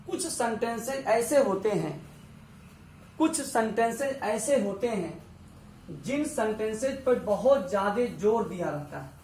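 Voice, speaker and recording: A man teaching a grammar lesson, explaining slowly and repeating each point, often asking if it is clear. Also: high-pitched, darkish tone, echoey room, recorded from a distance, slight background noise, poor audio. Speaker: English teacher.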